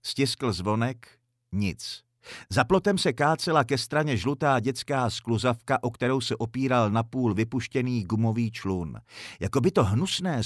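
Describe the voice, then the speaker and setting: A man narrating a story in a calm, measured audiobook reading. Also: mid-range voice, no room sound, clean studio sound.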